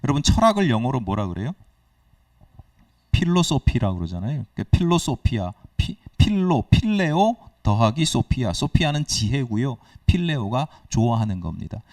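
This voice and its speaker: A man's voice: medium pitch, very animated, moderate pace, a little mellow, no echo, distant mic. A male pastor preaching a sermon, explaining with questions to the congregation and acting out quoted dialogue. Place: church sanctuary. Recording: dry sound, speaker away from the mic.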